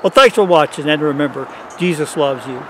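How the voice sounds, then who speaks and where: Hollering high-voiced man outdoors. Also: fairly quick. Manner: hollering, teasing, yells "boom" at hits. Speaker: host and shooting instructor. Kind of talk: excited shooting commentary. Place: outdoors at a shooting spot. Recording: outdoor noise.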